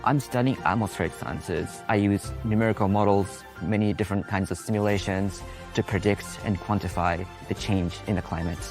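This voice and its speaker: A man's voice: on the low side, fairly even intonation, normal speed. A male student from Japan plainly explaining his research in a testimonial. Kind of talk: scripted promo testimonial. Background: background music.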